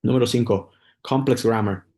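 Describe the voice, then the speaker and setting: A man's voice: mid-range voice, normal speed, a little mellow. A man giving a casual spoken English lesson, explaining patiently with many repetitions and restarts. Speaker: English teacher.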